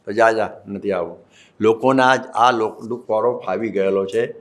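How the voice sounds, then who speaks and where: A man's voice: on the low side, steady tone, moderate pace. A man with a Gujarati accent, a monk preaching a religious discourse, telling folksy stories with acted quotes and chanted Sanskrit verses.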